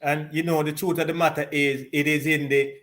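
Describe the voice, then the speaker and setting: A man hosting a live online interview show, speaking in a measured, encouraging and advising manner. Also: a little high, little pitch movement, a bit bright. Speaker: talk show host.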